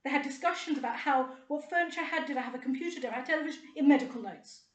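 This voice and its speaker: A woman's voice: high voice, racing, echoey room. A middle-aged woman, delivering an indignant, rambling and sarcastic monologue to camera. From United Kingdom. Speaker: vlogger.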